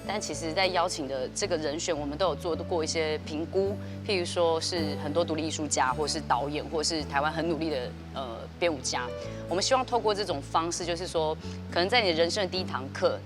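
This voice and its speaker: A Taiwanese woman in her thirties, the artistic director of a dance company, answers interview questions as a guest on an indoor TV studio set while music plays clearly beneath her. In a notably low voice and a Taiwanese Mandarin accent, she explains quickly and fluently, measured in manner and using fillers.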